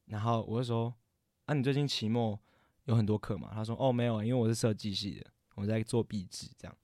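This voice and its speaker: A man's voice: fairly low pitch, fairly even intonation, fast talker, darkish tone, no room sound, studio quality. A young man, a podcast co-host telling a story in casual chat, rambling and often correcting himself. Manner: rambling, stammering, frequent self-corrections.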